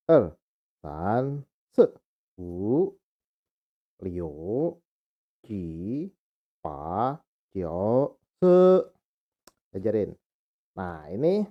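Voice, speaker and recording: A young man chatting casually to his viewers as he reviews a language book, slowly sounding out practice syllables. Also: mid-range voice. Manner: casual slangy talk, addressing viewers as guys. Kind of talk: casual vlog chat. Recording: dull lo-fi sound.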